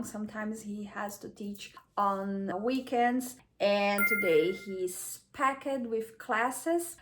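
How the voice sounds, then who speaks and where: A woman in her thirties, a native Portuguese speaker with a slightly high voice, narrates a relaxed lifestyle vlog over soft background music. She's chatty and occasionally restarts words.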